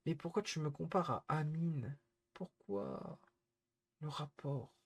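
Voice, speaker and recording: A man's voice: on the high side, steady tone, moderate pace, slightly rough. A man streaming live, scolding his chat in an exasperated, repetitive rant.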